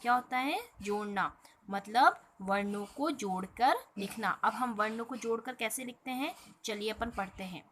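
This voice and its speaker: A woman teaching a primary school lesson, explaining slowly, drawing out letter sounds and asking questions she answers herself. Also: medium pitch, a bit bright, a little hiss or hum. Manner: explains slowly, often asks and answers her own questions; addresses pupils as "beta". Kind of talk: recorded online class lesson.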